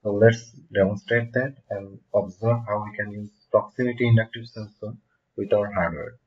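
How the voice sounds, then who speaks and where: Male tutor in his thirties, low and steady, explains hands-on lessons on a muffled home mic. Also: moderate pace. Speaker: automation instructor. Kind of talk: screen-recorded technical tutorial. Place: small room at a desk. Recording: dull lo-fi home recording.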